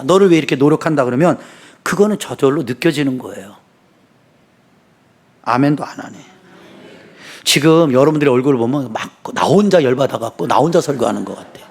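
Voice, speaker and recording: Impassioned Korean pastor preaching. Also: male voice. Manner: impassioned preaching, rising to shouts and dropping to a low conversational tone. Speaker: senior pastor. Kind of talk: sermon.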